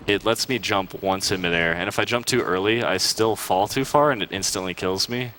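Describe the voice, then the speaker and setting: A man with a very low voice talks through his speedrun as he plays, explaining jumps and power-ups in an easy, unhurried way. His tone is bright and forward. A faint background hum sits under him. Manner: relaxed explaining while playing, with small restarts. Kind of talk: live gameplay commentary. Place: live charity marathon event.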